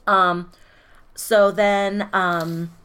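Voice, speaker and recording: A woman in casual chat, recapping a film with profane, animated storytelling and frequent laughter. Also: mid-range voice, very slow, clean tone. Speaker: podcast co-host recapping a film.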